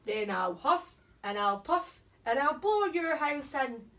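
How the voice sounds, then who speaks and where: A woman's voice: medium pitch, steady tone, unhurried, recorded from a distance, slight background noise, pitched below the performer's own voice, lightly acted. A woman voicing a big bad wolf from a storybook, boastful and menacing, in chanted threats. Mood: threatening.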